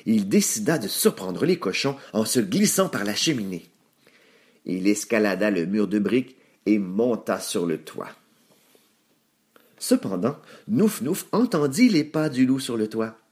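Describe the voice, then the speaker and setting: A man narrating a children's story aloud in an expressive read-aloud manner. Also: on the low side, unhurried.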